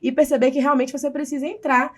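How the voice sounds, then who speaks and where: A woman with a Bahian Brazilian accent, chatting on a podcast as co-host and telling lively stories. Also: sits high, quick pace. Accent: Bahian Brazilian Portuguese. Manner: animated storyteller who acts out quoted voices. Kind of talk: casual podcast chat.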